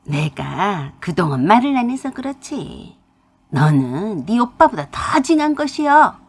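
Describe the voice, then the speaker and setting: An angry elderly mother scolds and reproaches, her husky voice rising and falling widely, as a woman puts her on. She is bitter and harsh in a storybook radio tale. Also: lowish voice, big pitch swings, unhurried, voice pushed down, heavily acted. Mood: scolding.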